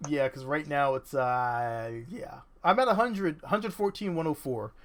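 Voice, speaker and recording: A man chatting casually while playing an online game with a friend, upbeat and quick to laugh. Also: fairly high pitch. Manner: upbeat, laughs often, excitable. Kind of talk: casual gaming chat.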